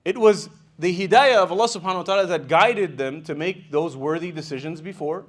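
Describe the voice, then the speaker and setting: A man giving a sermon as an imam, retelling a hadith in an animated, conversational way with frequent "you know" and "right?". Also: a little high, a little fast. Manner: animated storyteller, swings in loudness.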